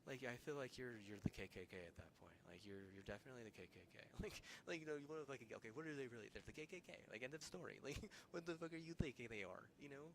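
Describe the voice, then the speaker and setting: A man in his early thirties rambling on a gaming live stream, profane and halting, with many restarts. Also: mid-range voice, animated, creaky, background noise. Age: 30s.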